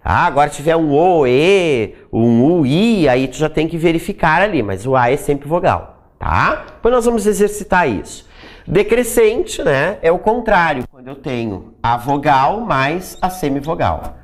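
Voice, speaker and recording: A grammar teacher giving a recorded exam-prep lesson, checking in with "tá?" and "né?" after almost every point and drawing out example words slowly to demonstrate their sounds. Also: mid-range voice, animated. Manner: ends nearly every point with "tá?" or "né?"; repeats key points for emphasis.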